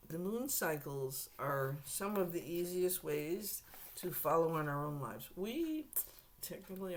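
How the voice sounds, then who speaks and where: A tarot reader speaks in a low, hoarse, failing voice during a casual reading to camera. She frequently clears her throat and addresses the viewer bluntly and directly.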